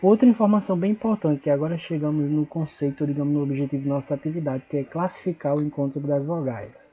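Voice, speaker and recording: Patient teacher spelling out syllables. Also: male voice, fairly high pitch, warm tone, breathy edge, dull audio. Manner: patient, spells out syllables slowly, repeats himself. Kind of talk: recorded remote lesson.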